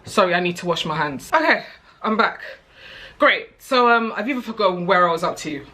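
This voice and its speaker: A woman's voice: on the low side, animated, brisk, noisy background. A British woman in her thirties chatting candidly to camera as a vlogger, rambling with frequent asides. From United Kingdom. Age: 30s. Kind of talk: casual chat to camera.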